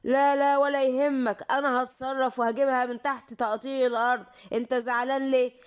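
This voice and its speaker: A woman's voice: high-pitched, flat delivery, fast, clear, resonant tone, lightly acted. A woman with an Egyptian accent voicing the confident, fatherly king of the jungle in a children's bedtime cartoon, reassuring and commanding. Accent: Egyptian Arabic.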